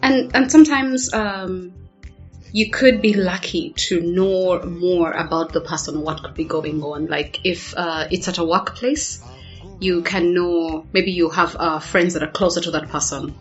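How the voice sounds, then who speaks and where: A woman from Uganda talks as a show guest in a lowish voice and chooses her words with many fillers. The sound is dull and lo-fi, with faint music underneath. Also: steady tone, measured pace. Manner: thoughtful, hesitant with many fillers, laughs easily. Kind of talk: casual talk show conversation.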